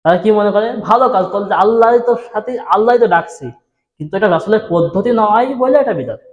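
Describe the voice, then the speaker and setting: A man's voice: high-pitched, fast talker, lo-fi sound. Man preaching into an echoey PA. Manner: asks the audience rhetorical questions; speaks softly into a microphone. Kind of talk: Bengali Islamic sermon. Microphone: microphone on a PA system.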